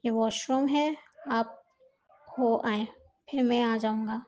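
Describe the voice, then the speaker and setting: A woman reading a soft-spoken young husband. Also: a little high, fairly even intonation, slow, lo-fi sound. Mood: gentle. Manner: soft, tender tone. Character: gentle young husband, patient and kind.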